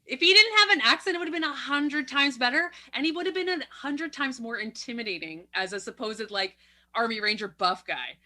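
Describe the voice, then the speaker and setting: A woman's voice: sits high, animated, a little fast, pushed and bright. A woman co-hosting a film podcast, blunt and emphatic in her opinions. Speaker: podcast co-host. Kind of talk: casual film-review chat.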